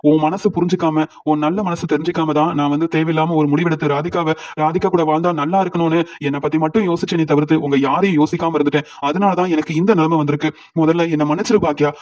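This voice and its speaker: A man's voice: fairly high pitch, a little mellow, natural voice. A man reading a repentant pleading husband. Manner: pleading, apologetic. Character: repentant middle-aged husband, weak after illness. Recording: dull lo-fi audio.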